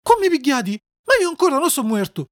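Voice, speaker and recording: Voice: medium pitch, big pitch swings, brisk, no echo, clean studio sound, pitched above the performer's own voice. A reader voicing a stubborn, whining wooden puppet boy in a dialect, from sulky protests to wailing pleas. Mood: terrified. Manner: wailing, pleading, petulant.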